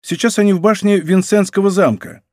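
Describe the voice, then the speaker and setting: An eager, bowing castle warden who answers every question with courtesy, as the narrator reads him. His voice is a touch higher than the narration and sounds dry and close. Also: steady tone, fairly quick, a little mellow, no room sound, natural voice. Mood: deferential. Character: deferential male castle warden, servile.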